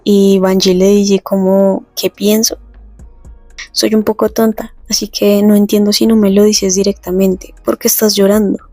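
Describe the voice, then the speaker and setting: A woman casually retelling a comic story, reading the characters' lines slowly and chatting between them. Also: mid-range voice, flat delivery, warm tone, dry recording, soft background music. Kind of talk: casual comic recap with read-out dialogue.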